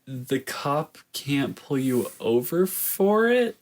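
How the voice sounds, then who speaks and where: A man's voice: mid-range voice, sing-song, takes it slowly. A young man, a podcast co-host in casual chat, joking and explaining things plainly.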